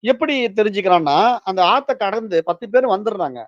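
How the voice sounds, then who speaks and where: Telling a story and performing its quotations, a spiritual teacher walks through a philosophical text at a fairly quick clip and with lively intonation. For a man, his voice sits high. The audio is close, dry, muffled, and lo-fi.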